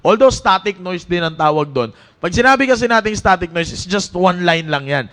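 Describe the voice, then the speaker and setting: High-voiced animated youth preacher man. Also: a little fast. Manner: animated, joking storyteller who breaks into laughter. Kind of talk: casual Taglish sermon to young people. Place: church.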